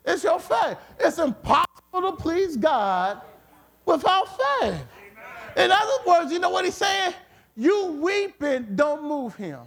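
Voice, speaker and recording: A man preaching a sermon with emphatic repetition, at times rising to shouts. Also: very high-pitched, sing-song, slow pace. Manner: emphatic, repeats words, rises to shouts.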